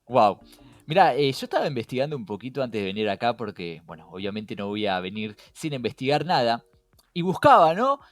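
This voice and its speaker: With music playing behind him, a Rioplatense Spanish-accented man hosts a casual podcast, explaining things engagingly through many rhetorical questions. His medium-pitched voice is sing-song and a little fast, recorded with no echo.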